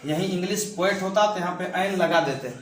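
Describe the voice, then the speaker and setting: A man's voice: high voice, a little fast, slight background noise. A man teaching a grammar lesson, asking his class questions and answering them himself. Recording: echoey room, mic at a distance.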